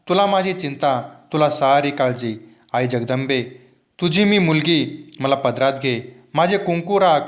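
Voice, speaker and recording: A man's voice: fairly high pitch, voice pushed up, natural voice. A man reading aloud, voicing a devout young wife who prays for her husband in a pleading, raised voice.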